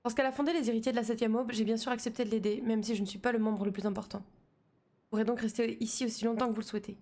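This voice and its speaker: A woman reading aloud the calm lines of a kindly male priest from a video game during a live stream. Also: a little high, rapid-fire.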